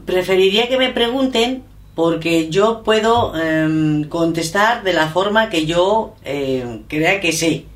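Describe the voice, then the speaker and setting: A woman's voice: lowish voice, animated, takes it slowly. Hesitant middle-aged woman, roomy. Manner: hesitant, self-correcting, thinking aloud. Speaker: interviewee, learner of English. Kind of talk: casual chat. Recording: echoey room.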